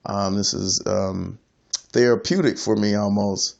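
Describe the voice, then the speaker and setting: A man who works as a freelance IT consultant, sharing his story in a reflective monologue, halting and repeating words as he goes. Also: lowish voice, fairly even intonation, creaky, muffled recording.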